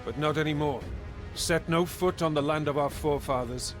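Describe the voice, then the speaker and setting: A man's voice: fairly high pitch, lightly acted. A man voicing a defiant rebel leader. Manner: solemn, measured proclamation. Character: defiant male rebel leader declaring independence. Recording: game cutscene over music.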